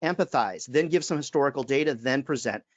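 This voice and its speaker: A man's voice: mid-range voice, animated, brisk, no echo. A man, giving an emphatic webinar talk as a sales trainer and calling his listeners friends. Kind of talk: webinar presentation.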